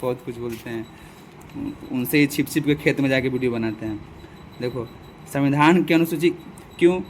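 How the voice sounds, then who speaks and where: A man's voice: medium pitch, slight background noise. A man from Bihar, teaching an exam-prep lesson in a casual, repetitive style, asking his viewers rhetorical questions. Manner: chatty, repeats lists, addresses viewers as bhai. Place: farm field outdoors.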